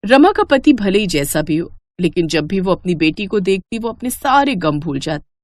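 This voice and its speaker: Woman reading a cartoon story, lively dramatic voice, dry close mic. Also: on the low side, normal speed, dry recording. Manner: expressive, dramatic. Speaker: narrator. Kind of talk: scripted storybook narration.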